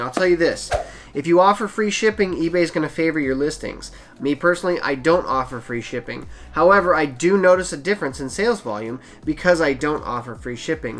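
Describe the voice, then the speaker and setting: A man's voice: sits high, fairly bright tone. A man hosting his own channel, giving practical selling advice in a casual, plain-spoken way. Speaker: channel host, eBay seller. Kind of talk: casual how-to talk to camera.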